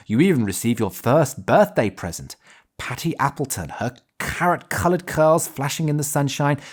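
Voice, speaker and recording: A narrator in their early thirties reading a cozy tale aloud like a fireside storyteller, with expressive, nuanced delivery. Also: medium pitch. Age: early 30s. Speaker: game reviewer and channel host.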